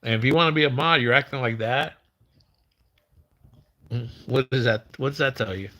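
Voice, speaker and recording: Hosting a live stream, a man in his fifties talks casually in a mid-range voice with a sharp tone. His speech is slurred and mumbled as though his tongue were half numb, and he halts and repeats words.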